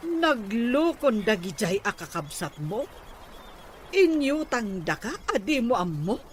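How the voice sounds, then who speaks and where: A woman's voice: fairly high pitch, sing-song, slow, slight background noise. A woman playing an inquisitive, gossipy village auntie in a radio drama, full of questioning.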